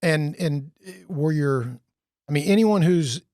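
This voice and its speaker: A male podcast host reads a scripted intro, then asks interview questions in a loose, rambling style full of restarts and fillers. His voice is a little high and darkish, at a measured pace, recorded dry with studio quality.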